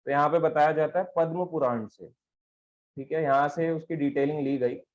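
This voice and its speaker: A man's voice: on the high side, normal speed, highs cut off. A man giving a devotional talk on scripture, explaining step by step and asking questions that he then answers himself. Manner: explanatory, asks and answers his own questions. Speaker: spiritual teacher. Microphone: mic on a stand.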